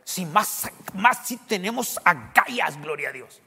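Excitable preacher in a reverberant hall. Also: male voice, sits high, a little slow, slightly rough. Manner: loud, excitable preaching with laughs and exclamations. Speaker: pastor. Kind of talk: sermon. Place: church sanctuary.

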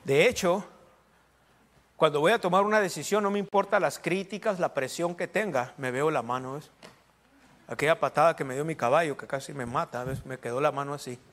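A man's voice: a little high, fairly quick. A middle-aged man preaching a sermon as pastor, in a casual joking way, breaking into short prayers and amens. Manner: informal, joking asides with prayer interjections. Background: soft instrumental music.

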